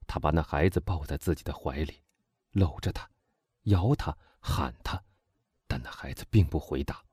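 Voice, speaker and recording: Deep, husky male audiobook narrator. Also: normal speed, no echo, studio quality. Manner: dramatic, swelling and dropping to a hush. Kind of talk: scripted narration.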